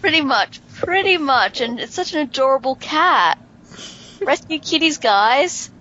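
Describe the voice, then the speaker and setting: Playfully arguing in a casual chat, this female podcast co-host draws out her words for emphasis, a hint of Southern American twang in her speech. Her voice sits high, sharp and expressive. The sound is dull and lo-fi.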